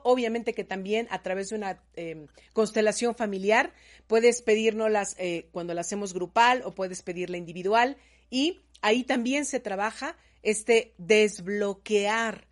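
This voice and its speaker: A woman, a therapist speaking straight to the listener, animated and emphatic as she gives advice. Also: medium pitch, normal speed. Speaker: energy healing therapist. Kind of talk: talk to camera giving advice.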